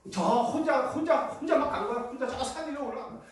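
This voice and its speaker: This male pastor's voice is extremely high-pitched and brisk as he delivers a Sunday sermon, questioning the congregation and supplying the answers himself. The recording carries a little hiss or hum and comes from far off in the echoey church sanctuary.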